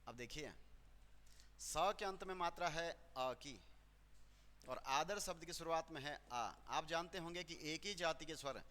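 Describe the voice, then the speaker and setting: A man's voice: on the high side, measured pace, sharp tone. A male teacher working through exam questions step by step, repeating words and correcting himself aloud. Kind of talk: exam solution lesson. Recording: hall reverb.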